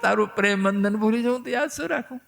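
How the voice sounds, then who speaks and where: A man's voice: sits high, quick pace, creaky, a bit bright. A male storyteller voicing a playful toddler boy god with a babyish lisp, in a devotional tale. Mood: tender.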